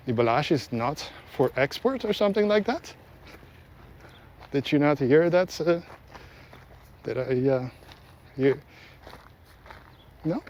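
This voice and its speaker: A vlog host walks along a road outdoors, giving casual, rambling commentary in a medium-pitched, darkish voice. Faint outdoor ambience and passing vehicles can be heard.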